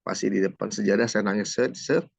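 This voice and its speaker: A man's voice: on the low side, brisk, gravelly, breathy edge, dry recording. A middle-aged man from Jakarta giving a personal testimony as an interview guest. He tells his story in a storytelling way and acts out the dialogue, tagging his lines with little asides. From Jakarta, Indonesia. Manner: storytelling, acts out dialogue, many "gitu kan" tags. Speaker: guest, certified trainer.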